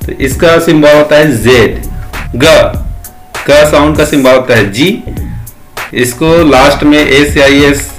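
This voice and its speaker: A man with a voice on the high side teaches English pronunciation slowly, drilling single sounds and words one by one. Faint music plays behind him.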